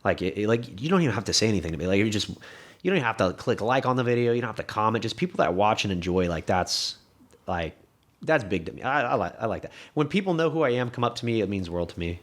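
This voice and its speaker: A young man with a slightly low voice and a faint lisp, chatting loosely as a podcast guest. He rambles, restarts his sentences and swears freely. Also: lively intonation, quick pace. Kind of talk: casual conversation.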